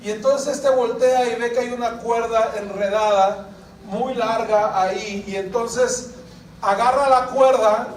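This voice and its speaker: In an echoey church hall, a pastor with a high voice gives an unhurried sermon in a steady tone, frequently asking the congregation questions and drawing replies. He sounds somewhat distant from the microphone, with a faint hum of people behind him.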